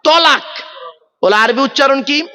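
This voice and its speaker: High-voiced man preaching in a hall. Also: normal speed, a bit bright. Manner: quizzing the crowd, stressing pronunciation. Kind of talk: Bengali waz sermon. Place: large outdoor religious gathering.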